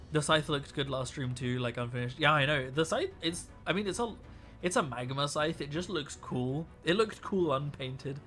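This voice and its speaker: Live-streaming his miniature painting, a young man chats in a slightly high, somewhat bright voice that's tired from a week of talking. His casual talk rambles, and he often restarts his sentences.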